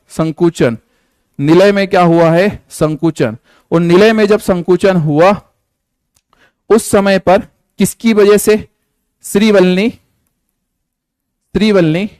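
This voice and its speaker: A man's voice: sits high, a little mellow, dry recording. A man teaching a live online class, coaxing students with repeated questions and playful jokes.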